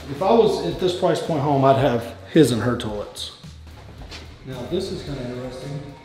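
Touring a half-built house both indoors and outdoors, this male real estate vlogger delivers a casual walkthrough full of crude humor and blunt views. His medium-pitched voice has a darkish tone at normal speed, heard through heavy reverb over soft music.

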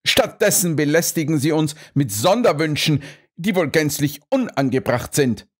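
A man reading an audiobook, voicing a blustering, indignant restaurant owner who protests loudly and huffily. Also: fairly high pitch, expressive, moderate pace, husky, pitched above the performer's own voice. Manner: huffy, loud, protesting.

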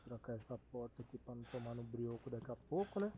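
A man's voice: mid-range voice, expressive, fast talker, noisy background. A Brazilian man, around his thirties, giving casual, slangy, crude-joking commentary as he streams a horror game. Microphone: streaming mic, facecam.

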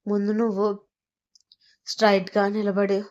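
A woman's voice: mid-range voice, completely flat delivery, normal speed, darkish tone, lo-fi sound, close to an everyday voice. A woman voicing a playful, insistent young husband who teases his wife, in a romantic audio story. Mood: teasing. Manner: teasing, coaxing.

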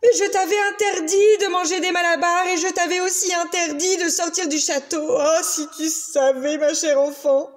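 A woman voicing an excitable king in a children's story, with high, pleading and scolding lines. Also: normal speed, hardly any pauses, big-room sound. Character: frightened, then scolding king, middle-aged man.

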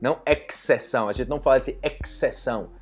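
A man's voice: on the high side, animated, faint music behind. Brazilian man teaching pronunciation, "ok?" often. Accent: Brazilian Portuguese. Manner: repeats "ok?" often, drills sounds slowly and loudly. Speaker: Portuguese teacher. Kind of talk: online language lesson.

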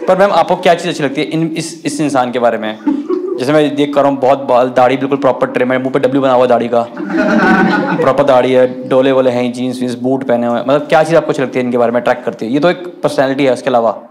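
A man's voice: mid-range voice, steady tone, quick pace, a little mellow, a little hiss or hum. A man doing stand-up crowd work, teasing the audience at a live comedy club show.

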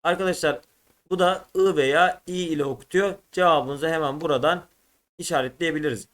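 A man's voice: a little high, steady tone, fairly bright tone. Man teaching, sounding out syllables. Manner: addresses students as "arkadaşlar", sounds out letters and syllables slowly one by one. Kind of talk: exam-prep lesson.

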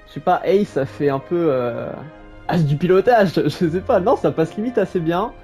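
Casual male game commentator, soft warm tone, thinks out loud, light music underneath. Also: high voice, normal speed. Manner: musing aloud, informal. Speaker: gaming video host.

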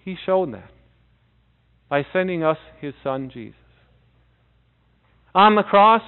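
High-voiced man preaching, tinny sound. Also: lively intonation, smooth. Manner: earnest preaching with dramatic pauses and soft drops. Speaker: pastor. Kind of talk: sermon. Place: church sanctuary before a seated congregation. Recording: tinny phone-like audio.

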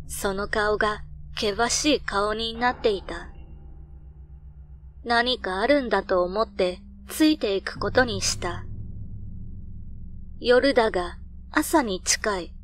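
A woman reading a scripted ghost story in a measured storytelling manner. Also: medium pitch, a little hiss or hum. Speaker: narrator of horror stories. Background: background music.

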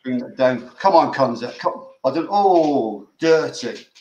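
An older grandfather watches a live football match and reacts, chatting casually, restarting his sentences and urging the players on. His mid-range voice has lively intonation and is a little slow and mellow. The rough recording sounds roomy, with a little hiss or hum.

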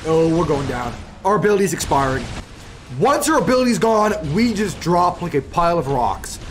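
A man doing live gameplay commentary as a hyped, excitable gamer bro who repeats his phrases, hosting his video. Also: a little high, normal speed, a little hiss or hum. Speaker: gaming video host.

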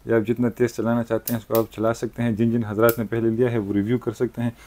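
A man, a shopkeeper demonstrating gadgets in a market shop. He talks in a brisk salesman's patter and keeps using polite forms of address. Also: mid-range voice, level tone, mellow. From Pakistan. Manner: brisk salesman patter, frequent "thik hai" and "janab-e-wala". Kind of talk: product demonstration sales pitch.

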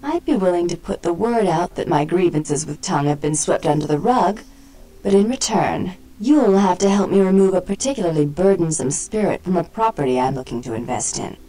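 Haughty female vampire proprietor for a video game, slightly low voice, formal and cool. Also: animated, brisk, warm tone, low-quality recording. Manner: formal, poised and condescending. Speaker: vampire club owner.

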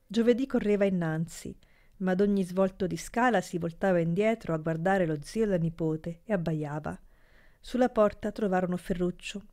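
A woman narrates a classic novel as an audiobook with a measured, expressive delivery. Her voice sits somewhat low.

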